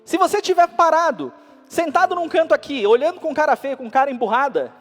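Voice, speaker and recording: Brief: male pastor, very high voice, animated sermon delivery, faint music under him. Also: fast. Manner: animated preaching with rising emphasis. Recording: long hall reverb with faint music.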